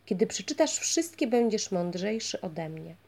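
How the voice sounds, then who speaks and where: Woman doing a wise old wizard, storybook, gentle, patient, instructive, warm breathy voice. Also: medium pitch, big pitch swings, moderate pace. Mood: kindly.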